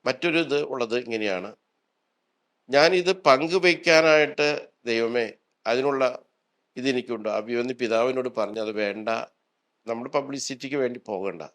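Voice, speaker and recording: A man's voice: medium pitch, fairly quick. A priest, a man, earnestly tells a personal testimony and retells what people said to him. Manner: earnest storytelling, retelling dialogue.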